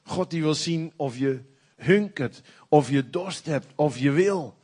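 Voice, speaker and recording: A middle-aged man preaches a sermon with a slightly raised voice. He talks in a folksy, conversational way, then bursts out loud on key points. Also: a little high, slow pace, breathy edge. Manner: animated, folksy preaching with sudden loud outbursts.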